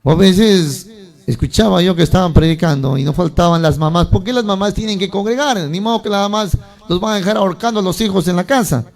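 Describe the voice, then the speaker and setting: A man's voice: high voice, brisk, creaky, faint music behind. A man preaching a sermon, telling stories animatedly and acting out the voices of churchgoers.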